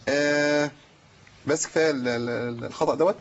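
A man's voice: on the high side, fairly even intonation, a little fast, muffled recording, a little hiss or hum. A man with an Egyptian Arabic accent teaching Quran recitation rules, asking questions and answering them himself. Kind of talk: tajweed lesson with recited examples.

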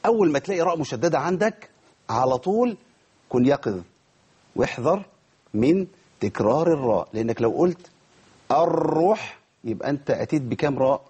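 Fast, husky Egyptian recitation teacher. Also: male voice, medium pitch. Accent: Egyptian Arabic. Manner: lively, quizzes students and models pronunciations. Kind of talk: tajweed lesson to a class.

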